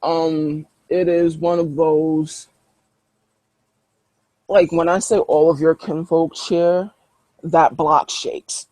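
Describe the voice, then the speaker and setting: A man's voice: fairly high pitch, level tone, takes it slowly, long pauses, darkish tone, no echo, rough recording. A man narrating as game master in a tabletop role-play, rambling with lots of fillers. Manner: rambling, filler-heavy, casual.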